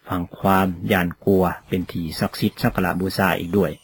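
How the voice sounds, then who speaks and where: A man giving a read-aloud lecture on poetry, slow and deliberate, sounding out example words one at a time. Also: low voice, flat delivery, slight background noise. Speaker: teacher of poetry.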